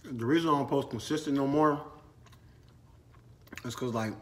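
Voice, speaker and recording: A young man from Minnesota, in his twenties, vlogs a casual Q&A in a relaxed, slangy manner while eating, indoors in a storage room with shelves and ladders. He speaks at normal speed in a mid-range voice.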